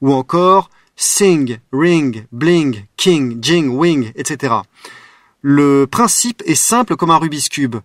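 A man hosting a radio show, narrating a scripted talk with a measured, wry delivery. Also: on the high side, lively intonation, dry recording, clean studio sound.

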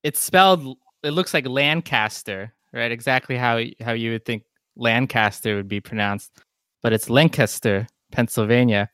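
A man's voice: mid-range voice, normal speed, a bit bright, clear, resonant tone, no echo. A man on a podcast, casually telling a wry story with dry humor. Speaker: podcast co-host. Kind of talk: casual chat.

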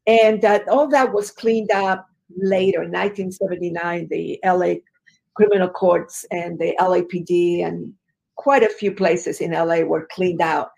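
Gravelly-voiced woman telling her story. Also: fairly low pitch, fairly even intonation, moderate pace, a little mellow, low-quality recording. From Chile. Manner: earnest, emphatic storyteller with fillers. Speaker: guest, business educator. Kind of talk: conversational storytelling interview.

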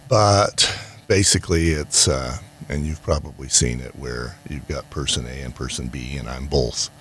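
A middle-aged man giving a casual, rambling monologue in a halting, reflective way, often trailing into pauses. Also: very deep voice. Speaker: solo podcast host and small business owner. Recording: clear background ambient noise.

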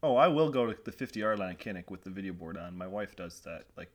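Lower-pitched man in casual, joking chat. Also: lively intonation, fast talker. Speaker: guest league member.

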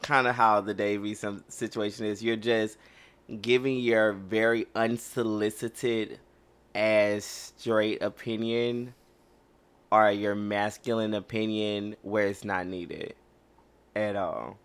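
Young man, low voice, blunt, profane, passionate, casual podcast host. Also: little pitch movement, slow pace, fairly bright tone, clean tone.

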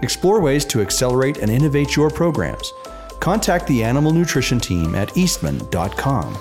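Male announcer, bouncy sing-song promo read, quiet guitar music behind. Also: mid-range voice, sing-song, moderate pace. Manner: upbeat, polished. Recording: soft guitar music underneath.

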